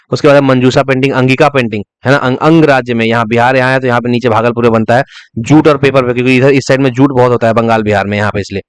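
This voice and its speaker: A man rattles through a revision lecture at a quick clip. His voice is clear and crisp, and the recording is close and dry. He repeats key words as memory hooks and asks questions that he answers himself. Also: medium pitch, dry recording. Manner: breaks into short sung snatches to illustrate. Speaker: exam-prep teacher.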